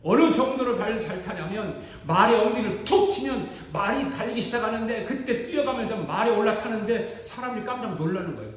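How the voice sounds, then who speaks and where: A man's voice: sits high, a little fast, few pauses. A man, a pastor, telling a story dramatically during a sermon in a church sanctuary. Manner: animated, dramatic retelling. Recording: echoey church hall.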